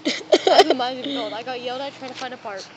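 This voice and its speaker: A young man with a high voice rambles defensively in casual chat while walking outdoors. The phone recording is muffled, and loud traffic noise sits behind him. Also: rapid-fire. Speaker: vlogger. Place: outdoors on a city street.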